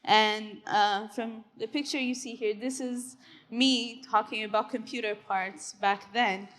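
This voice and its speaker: On a conference stage, an Ethiopian tech CEO in her twenties presents earnestly and conversationally, leaning on fillers and tag questions. She speaks a little slowly in a slightly high, bit bright voice with fairly even intonation, against slight background noise.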